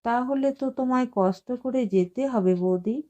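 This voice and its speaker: A woman's voice: fairly high pitch, moderate pace, dark tone, highs cut off, close to an everyday voice. A woman reading an audio story, voicing a humble household maid who speaks in a meek, pleading way.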